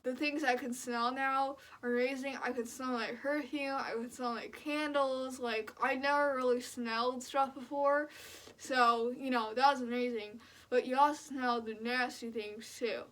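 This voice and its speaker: A woman's voice: sits high, a bit bright. A young woman vlogging casually about her own experience, talking in a blunt, slangy way peppered with "like". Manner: blunt, slangy, frequent "like" filler. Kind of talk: casual personal vlog recounting.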